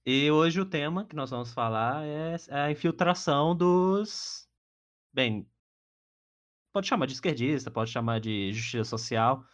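A man's voice: medium pitch, animated, unhurried. A man with a Brazilian accent hosting a podcast in a casual, chatty style. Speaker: podcast host.

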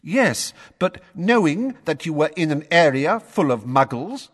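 A pompous, blustering official reels off formal charges in a raised, self-important voice, as a male narrator puts him on. The pitch climbs high and swings widely, with a long reverb hanging on the voice. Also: big pitch swings, measured pace. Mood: badgering. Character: blustering testy male minister, middle-aged official.

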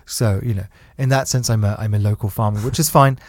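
Chatty man with a low voice. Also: fairly even intonation, fast talker, no echo, studio quality. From United Kingdom. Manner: chatty, laughs easily, many restarts. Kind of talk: casual conversation.

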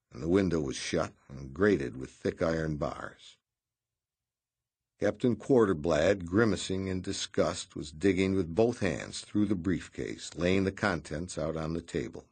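A man with a very low, husky voice narrates a novel aloud. His delivery is tense and dramatic. The reading is steadily paced scripted narration. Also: a little mellow. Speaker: audiobook narrator.

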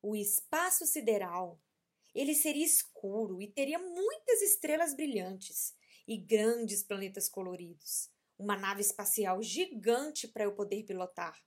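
A woman's voice: medium pitch, very animated, measured pace, darkish tone. A woman voicing an upset little boy in a read-aloud children's story, speaking in a childlike, emphatic way. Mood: excited. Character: upset little boy, sulky then cheerful.

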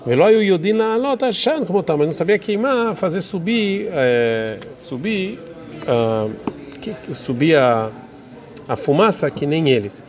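A man teaches Talmud by reading Hebrew phrases aloud and translating and explaining each one, hesitating at times. His voice is on the high side, sing-song, unhurried and a little mellow.

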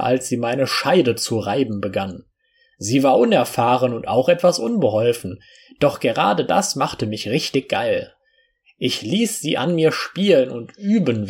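A man narrating a first-person story as an audiobook, reading in an unhurried way with small slips and restarts. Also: medium pitch, vocal fry, husky.

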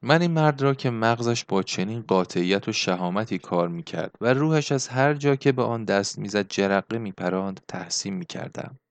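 A man reading an audiobook in a measured, literary way, his voice low and smooth. The recording is dry and close, with no room sound. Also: no echo. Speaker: narrator. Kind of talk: audiobook narration.

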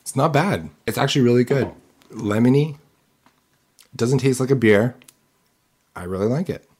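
A man's voice: medium pitch, lively intonation, normal speed, darkish tone, breathy edge. A man in his thirties hosting a casual podcast chat, laid-back and easygoing. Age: 30s. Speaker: podcast host.

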